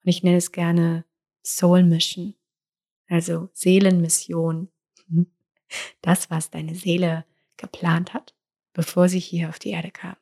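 A woman giving a spiritual coaching talk in a soft, intimate way, sometimes dropping into whispers. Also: on the low side, little pitch movement, slow pace, creaky, long pauses.

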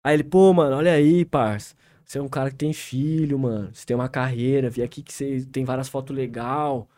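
A young rapper appears as a guest and tells a long, casual story thick with slang, laughing and performing other people's lines. He has a warm, medium-pitched voice with fairly even intonation and talks a little fast. He is from the interior of São Paulo state, speaks with a São Paulo Brazilian Portuguese accent, and is heard in studio quality with no room sound.

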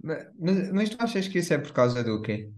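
A man's voice: a little high, sing-song, a little fast, a little mellow. A young man, co-hosting a podcast in a casual, slangy and joking way. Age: young adult. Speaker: podcast co-host. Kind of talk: casual chat.

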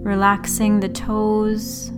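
A woman leading a guided relaxation meditation in a soothing, unhurried sleep-story manner, leaving long pauses. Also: mid-range voice, monotone. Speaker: yoga and meditation teacher, host. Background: background music.

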